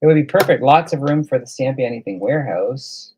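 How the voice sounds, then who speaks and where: A man's voice: medium pitch, animated, fast talker, darkish tone, a little hiss or hum. A man hosting a casual live coloring demo, chatting and thinking aloud as he works. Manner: chatty, thinks aloud while working, reads out viewer comments. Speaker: livestream host.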